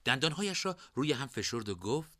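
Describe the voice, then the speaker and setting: A male narrator reads a novel chapter with expressive storytelling. His pitch moves lively through each sentence and his tone is bright, recorded dry and close. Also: no echo.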